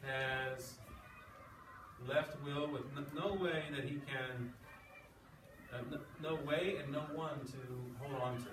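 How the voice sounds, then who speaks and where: This man teaches sixth-grade English, reading aloud and guiding an informal class discussion while frequently checking with his listeners. His medium-pitched voice stays fairly even, and he speaks slowly with long pauses. The distant mic picks up an echoey, noisy classroom.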